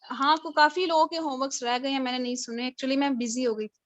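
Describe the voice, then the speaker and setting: Woman, tajweed teacher, high voice, dry dull video call sound, repeats sounds for drilling. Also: fairly even intonation, fast talker, fairly bright tone, no echo. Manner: repetitive, drilling letter sounds. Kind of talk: online class lecture.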